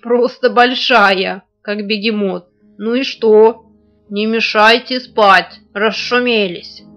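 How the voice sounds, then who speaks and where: Brief: woman voicing grumpy sleepy teddy bear cub, slow and loud, lo-fi, guitar underneath. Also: mid-range voice, fairly even intonation. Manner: grumbling, drawn-out, loud. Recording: dull lo-fi recording, faint guitar.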